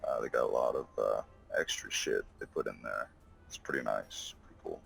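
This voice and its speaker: A laid-back man chatting on a game stream, halting, with many fillers. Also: extremely low pitch, creaky, fairly bright tone, husky, soft background music. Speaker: friend on the stream. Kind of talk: casual chat.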